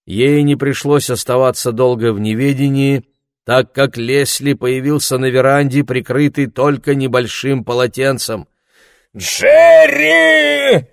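A man narrating an audiobook in an expressive storytelling voice. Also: mid-range voice, normal speed, no echo, studio quality. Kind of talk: scripted narration.

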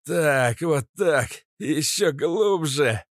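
A man's voice: fairly high pitch, lively intonation, very slow, no room sound, clean studio sound, pitched above the performer's own voice, full character voice. A man voicing an eager, servile young male henchman in an audiobook, fawning and keen. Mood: excited.

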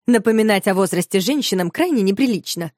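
A woman's voice: medium pitch, lively intonation, fast talker, darkish tone, no echo, clean studio sound, natural voice. A woman voicing a prim, haughty grown lady who speaks with stiff formality.

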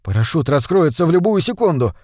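A man voicing a proud male colonist shouting his thoughts in panic in a storybook reading. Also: mid-range voice, fast talker, no echo, clean studio sound, natural voice. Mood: panicked screaming. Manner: frantic inner shouting.

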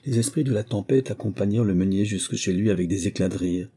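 A man narrating a fairy tale as an audiobook in a measured storytelling voice. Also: fairly low pitch, dark tone, husky.

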